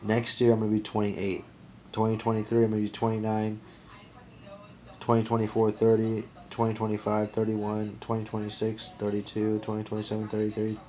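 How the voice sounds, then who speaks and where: A man's voice: lowish voice, completely flat delivery, brisk, dark tone, low-quality recording. Earnest rambling man in his twenties. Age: 20s. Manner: rambling, earnest, restarts and counts aloud. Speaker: vlogger. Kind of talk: casual monologue to camera.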